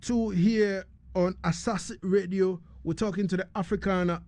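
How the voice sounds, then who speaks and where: A man's voice: high-pitched, steady tone, moderate pace, a little mellow, no room sound. A man hosting a radio interview in a studio, who often asks "you understand me?" as he talks. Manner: keeps asking "you understand me?". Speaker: radio host.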